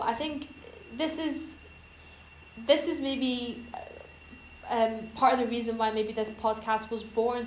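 A young woman from Iran chatting casually on a podcast, rambling and hesitant with lots of fillers. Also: on the high side. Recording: roomy echo, faint noise.

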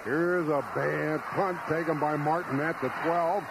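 A man's voice: fairly high pitch, fairly even intonation, measured pace, creaky. An American man doing live football play-by-play in a classic radio announcer manner, in terse descriptive phrases. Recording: noisy stadium radio broadcast. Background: loud stadium ambience and noise.

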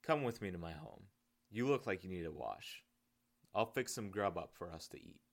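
A man voicing a kindly, thin, balding old man who talks gently and soothingly. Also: low voice, lively intonation, normal speed, gravelly, full character voice. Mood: warm.

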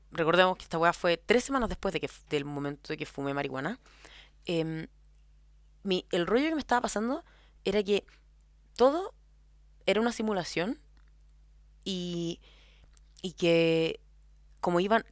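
A woman's voice: fairly low pitch, no room sound, studio quality. A young woman with a Chilean accent telling a personal story in a casual, rambling way, full of filler words. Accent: Chilean Spanish. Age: young adult.

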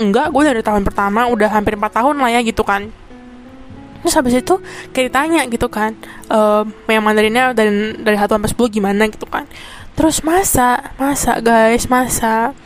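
A young woman tells a story in a casual, slangy podcast chat. Her voice sits a little high and stays animated. She keeps checking in with her listeners. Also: slight background noise. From Indonesia. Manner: animated, slangy, often asks "get it?".

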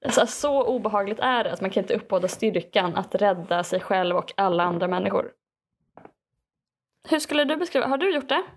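A woman's voice: medium pitch, lively intonation. A woman chatting casually, hesitant and self-mocking, with many fillers. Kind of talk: casual comedic chat.

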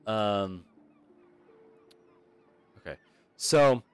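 A man narrating a tabletop game as game master, halting with frequent pauses. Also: on the low side, clear, resonant tone, dry recording, faint music behind.

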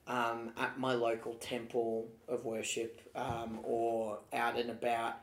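A man's voice: medium pitch, monotone, takes it slowly. Echoey, sweary frat-bro man chatting. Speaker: podcast host. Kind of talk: casual chat, storytelling. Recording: echoey room.

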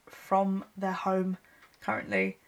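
A woman's voice: medium pitch, sing-song, takes it slowly. A woman, hosting a solo podcast from home in a rambling, self-deprecating chat, a bit sleepy. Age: 20s. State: sleepy, yawning late at night. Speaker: podcast host. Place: her home. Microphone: microphone with laptop.

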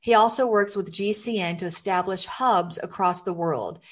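A woman's voice: mid-range voice, normal speed. A woman hosting a podcast, reading a formal guest introduction and then talking with her guest. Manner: formal, reads a guest bio then chats warmly. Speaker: podcast host. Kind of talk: podcast host introduction and interview.

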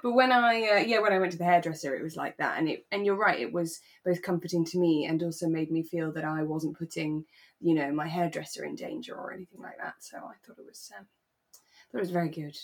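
A British woman with a deep voice talks fast while co-hosting a podcast. She's chatty and tends to question her own words as she casually discusses a radio drama.

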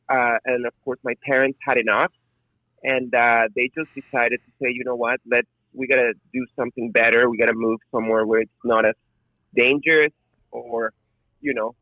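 A man's voice: mid-range voice, no echo. A man, chatting in a friendly way as a podcast guest. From Colombia. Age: 40s. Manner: friendly, leans on stock phrases like "of course". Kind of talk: casual interview talk. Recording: dull lo-fi sound.

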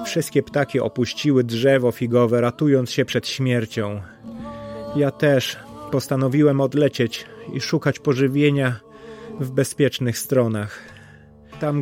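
A man's voice: mid-range voice, darkish tone, natural voice. A man voicing a tired, loyal male crow in a storybook reading, earnest and heavy-hearted.

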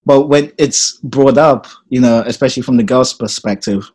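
Heard over poor audio, this young man from Ghana who grew up in England talks in a medium-pitched, slightly breathy voice at a moderate speed. As a podcast guest he keeps things casual and chatty, laughing easily and saying um a lot.

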